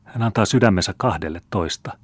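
A man's voice: sits low, husky, no echo. A man voicing a young girl in a plaintive voice that mixes playfulness and sorrow. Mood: playful. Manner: plaintive, half playful half sad. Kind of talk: audiobook character reading.

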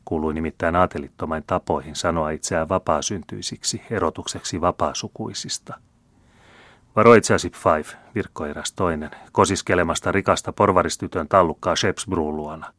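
A man's voice: few pauses, no room sound. A man narrating a classic novel as an audiobook reader, reading steadily and raising his voice for the quoted characters. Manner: steady, even reading, lifting pitch and volume for quoted officers.

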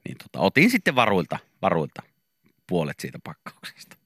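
A man co-hosting a morning radio show with a very low voice that still moves around a lot in pitch. His tone is bright and forceful, and he rambles through stories with plenty of fillers. The studio sound is dry and close. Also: no echo. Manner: rambling, relaxed, many fillers. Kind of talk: casual radio chat. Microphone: studio microphone.

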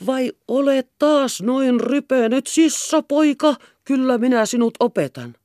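A fierce, emotional mother barks sharp commands in a raised, strained pitch, as a woman reading a storybook puts her on. Her words come slow and heavy, each one pressed hard. The voice sits dry and close to the mic. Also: expressive, no echo. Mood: scolding. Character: agitated working-class mother, stern and emotional.

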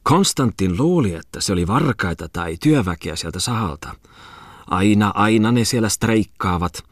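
A man reading aloud voices a showy, chattering merchant's wife who speaks Finnish with a foreign lilt, rattling on in a lively, theatrical way. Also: fairly low pitch, no echo, studio quality, voice pushed up. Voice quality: foreign-sounding Finnish, chirpy and lilting.

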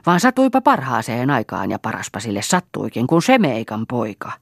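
A woman's voice: extremely low pitch, lively intonation, no room sound, studio quality. A woman voicing a bitter, spiteful old mother-in-law who scolds venomously, in an audiobook.

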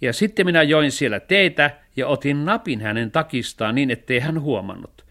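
A man's voice: mid-range voice, lively intonation, bright, forceful tone. A man doing a fussy village postman. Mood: chatty. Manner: officious, pedantic. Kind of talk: radio storybook reading.

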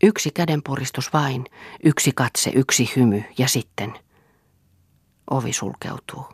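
A woman narrating a literary audiobook in a measured, lyrical way. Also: rumbling low, slightly rough, no echo, clean studio sound. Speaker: audiobook reader.

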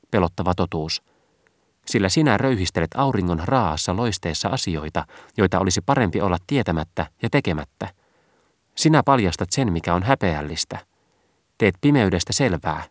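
A man's voice: sits low, animated, no room sound, clean studio sound. A man voicing three lamenting maiden sisters speaking together in a storybook reading, mournful. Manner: wailing, mournful.

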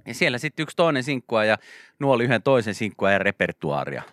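A man co-hosts a morning radio show and retells a story in a hesitant way, often repeating his words. His voice is bright and animated and moves up and down a lot. The studio recording is dry and close. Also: medium pitch, no room sound. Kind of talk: casual banter. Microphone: studio microphone.

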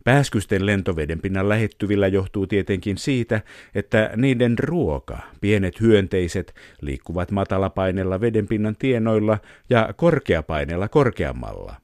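A man hosting a radio program, narrating a scripted piece in a measured storytelling way and then interviewing a guest. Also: fairly low pitch, lively intonation, a little mellow, dry recording, studio quality. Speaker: radio host.

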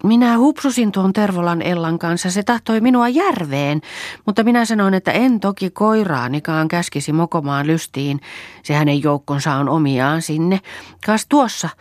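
A woman reading an audiobook, voicing a young woman gone mad in the forest, talking in frantic, excited bursts. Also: medium pitch, no room sound, studio quality, pitched above the performer's own voice, close to an everyday voice.

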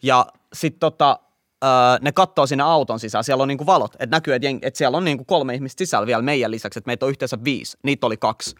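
A man's voice: medium pitch, no room sound, clean studio sound. A young man with a Finnish accent, casually telling a story as a podcast host. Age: young adult. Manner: relaxed anecdotal storytelling.

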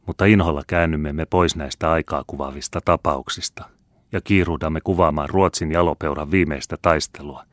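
A man's voice: a bass voice, steady tone, dry recording, studio quality. A man reading a classic novel aloud as an audiobook narrator, giving the dialogue varied emphasis. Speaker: audiobook reader.

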